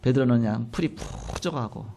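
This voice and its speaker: A man preaching a sermon, retelling scripture with animated storytelling and acted-out dialogue. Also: mid-range voice, a little fast, creaky. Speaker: pastor.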